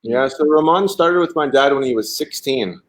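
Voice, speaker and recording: A man's voice: fairly high pitch, normal speed. A winemaker on a video call, explaining his methods in a detailed, easygoing way and telling stories. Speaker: winemaker guest.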